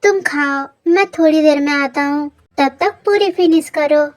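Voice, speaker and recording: A man's voice: very high-pitched, a little slow. A reader voicing a stern young man who bosses around and cares for a childish twin, in a fan audio story. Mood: bossy. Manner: bossy, scolding. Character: stern rich young man, gruff caretaker.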